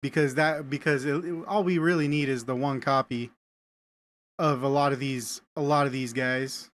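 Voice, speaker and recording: A man's voice: mid-range voice, steady tone, normal speed, fairly bright tone. A man live-streaming a game, chatting casually with viewers and often repeating words as he thinks aloud. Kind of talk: casual live-stream chat while gaming.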